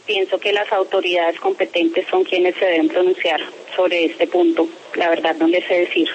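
A woman's voice: fairly low pitch, little pitch movement, moderate pace. Woman, firm and insistent, formal phrasing, muffled phone line, faint hiss. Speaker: interviewee, parent making a complaint.

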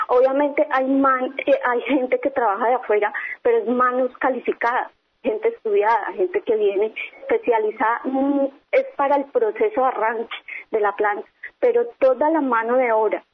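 A woman, a company employee interviewed over the phone, speaking firmly and insistently, repeating her points. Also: a little high. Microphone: telephone. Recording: tinny phone line.

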